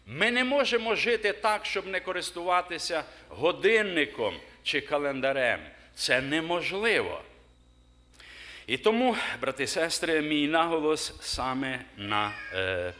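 Slow, lively-voiced pastor preaching. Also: male voice, fairly high pitch. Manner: asks the congregation questions, emphatic pauses. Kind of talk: sermon. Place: church hall.

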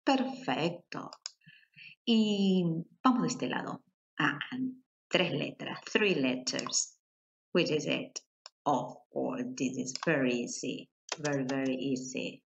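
Rioplatense woman teacher, low voice, very slow, patient, spells words out for kids. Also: vocal fry, dull audio. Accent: Rioplatense Spanish. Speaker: English teacher. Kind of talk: online children's English lesson.

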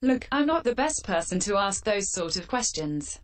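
A woman hosting a fan Q&A with sarcastic, deadpan answers, her voice run through a metallic filter. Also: mid-range voice, normal speed. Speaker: channel host answering fan questions. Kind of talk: scripted comedic Q&A.

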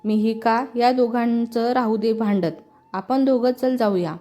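A woman's voice: fairly high pitch, fairly even intonation, a little slow, soft background music, close to an everyday voice. A woman voicing an impatient teasing brother. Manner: shouting, mocking nicknames.

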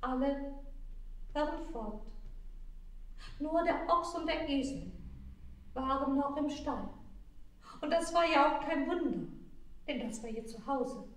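Slow, expressive woman telling a fairy tale. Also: sits high. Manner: deliberate, expressive, with long pauses. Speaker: storyteller. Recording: very echoey room, mic far off.

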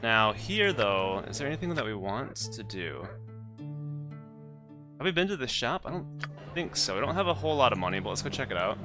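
A man's voice: medium pitch, very animated, fairly quick, music in the background. A man casually commenting on his own gameplay as the host of a let's play, chatty and self-mocking, talking to the characters on screen.

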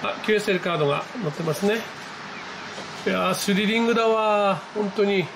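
Here a high-voiced amateur radio hobbyist gives a fairly quick, excited running commentary on his own video for viewers, exclaiming and muttering to himself and the screen. He records at home on a handheld camera whose mic faces his computer screen, and some background noise comes through.

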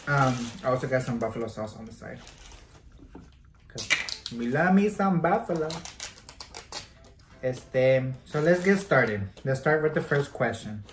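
A man hosting a casual mukbang chat with friends, relaxed and slangy, dropping in Spanish words. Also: mid-range voice, moderate pace, noisy background. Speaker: host. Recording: roomy echo.

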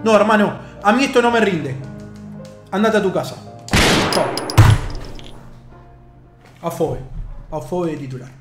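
Exasperated young Argentine gamer narrating his match; lively delivery, echoey room with faint music. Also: sits high, measured pace, pauses often. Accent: Argentine Spanish. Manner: exasperated, repeats his complaints. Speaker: gaming youtuber. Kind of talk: video game commentary.

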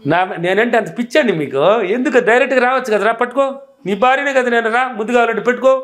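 A man's voice: very high voice, animated, rapid-fire, fairly bright tone, faint music behind, voice pushed up. A man voicing an affectionate wife who sweetly coaxes her grumpy husband, in a teasing, pleading way. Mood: coaxing affectionate.

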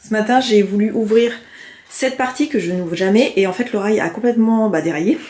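This forties-something woman talks to her vlog camera, held out at arm's length, in a chatty, mildly exasperated, self-mocking way. Her voice is medium-pitched, brisk and slightly mellow. Scenes shift between her apartment and the street, with echo and faint noise in the recording.

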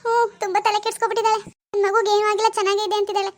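A woman voicing an anxious middle-aged mother in an animated family drama, fretful, pleading and shrill. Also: rapid-fire.

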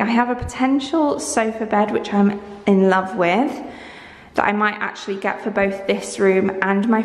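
A woman in her twenties giving a chatty, excitable house-tour vlog of her renovated bathroom, filmed on a handheld camera. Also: fairly high pitch. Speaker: vlogger. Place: empty bathroom under renovation, indoors. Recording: echoey bare room.

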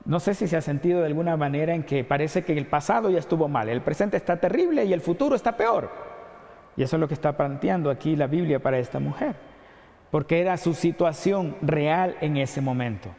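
A man with an Ecuadorian Spanish accent preaching a sermon as pastor, earnestly asking rhetorical questions and dropping his voice low on key points. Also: lively intonation, a little fast, gravelly, darkish tone. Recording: long hall reverb.

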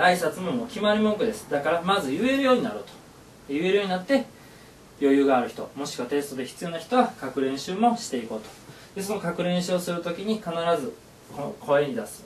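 A man teaches a lesson in an upbeat, encouraging way, repeating phrases aloud. His voice sits fairly high. It is recorded from some distance in an echoey room, with a faint hiss behind it. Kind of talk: classroom lesson.

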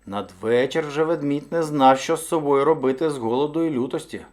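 A man narrating a folk tale for children, reading in an expressive, dramatic way. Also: on the high side, fairly quick. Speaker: storyteller.

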